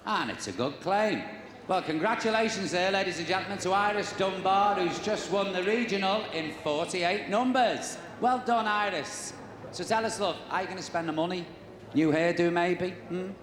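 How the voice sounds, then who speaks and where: A man's voice: sits high, moderate pace, background noise, natural voice. An actor playing a cheesy, cheeky bingo caller, calling out numbers and teasing patter like a showman. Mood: cheeky, patronising. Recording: echoey hall PA with loud music.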